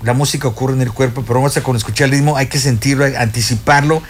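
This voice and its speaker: The voice is mid-range with fairly even intonation and a quick pace: an older Mexican-accented man (Mexican Spanish) serving as a music expert on a radio show. He tells stories in a casual radio chat, using many fillers and restarts. A little hiss or hum runs under the studio recording.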